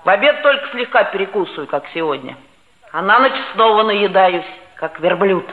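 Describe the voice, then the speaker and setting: In a 1960s radio play, an actor portrays a boastful, gluttonous schoolboy, speaking with breezy comic pomposity in pompous mock-scientific terms. His mid-range, narrow voice is animated and lightly acted at a moderate pace. The vintage recording sounds tinny, echoey, and band-limited.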